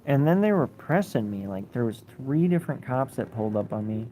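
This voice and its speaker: A man's voice: mid-range voice, lively intonation, brisk, mellow, a little hiss or hum. A young man telling a rambling, profane story in a casual way, full of fillers.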